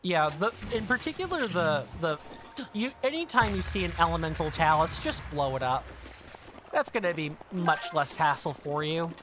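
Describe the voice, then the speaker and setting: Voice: medium pitch, expressive, normal speed, over music. A streamer in their thirties from the United States, chatting casually while playing a game and rambling, correcting themselves and musing aloud. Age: 30s. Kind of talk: casual let's-play chat.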